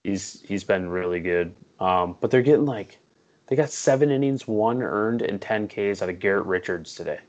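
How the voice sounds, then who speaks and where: A man's voice: fairly low pitch, animated, a little mellow, muffled recording. A man co-hosting a podcast, chatting casually about sports with blunt, opinionated takes. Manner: blunt, opinionated, quick reactions. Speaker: podcast co-host.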